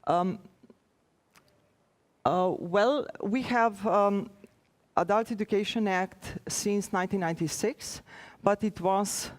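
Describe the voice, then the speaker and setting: This is a woman of medium pitch with a Slovenian accent, a native Slovenian speaker acting as an official during an informal conference presentation. She speaks in a hesitant, stop-start manner with frequent pauses.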